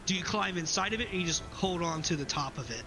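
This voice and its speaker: A man narrating as game master of a tabletop game, calm and descriptive. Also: high-pitched, fast talker, low-quality recording.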